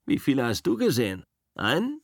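A man reading an audiobook, voicing a calm, easygoing male driver and stunt double who talks matter-of-factly. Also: mid-range voice, moderate pace, creaky, no echo, clean studio sound, voice pushed up, full character voice. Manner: easygoing, soothing, matter-of-fact. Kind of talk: audiobook character voice.

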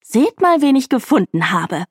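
A woman voicing a cheerful, unflappable mother of four in a storybook reading, with lively, bright exclamations. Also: high-pitched, extremely slow, creaky, no echo, clean studio sound, pitched above the performer's own voice, full character voice. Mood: delighted.

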